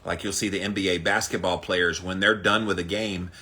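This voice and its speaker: The host of a daily ice bath challenge livestream talks a little fast, his low voice steady and sharp in tone. He keeps things casual, greeting viewers by name with emphatic, punchy delivery.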